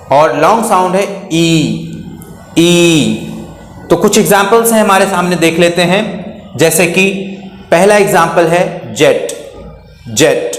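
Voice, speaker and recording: A man teaching a beginner English lesson in Hindi, repeating each example word slowly several times. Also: high-pitched. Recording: echoey room with long reverb.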